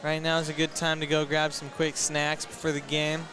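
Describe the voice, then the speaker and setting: A young man doing commentary for a high school basketball broadcast, announcing in a casual, hesitant way with frequent self-corrections. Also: completely flat delivery, moderate pace, music in the background. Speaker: student play-by-play announcer. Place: school gymnasium.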